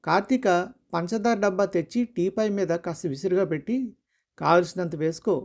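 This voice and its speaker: A storyteller reads a short family story in a steady, unhurried way. The delivery stays mid-pitched and even throughout. Each line is read as plain scripted narration. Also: lo-fi sound.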